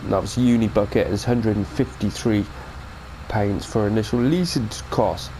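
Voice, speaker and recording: A man with a low, dark voice speaks at a moderate pace over poor audio that carries a little hiss or hum. He's a British gaming channel host with a cold, rambling casually through a farming-game mod review and correcting himself along the way.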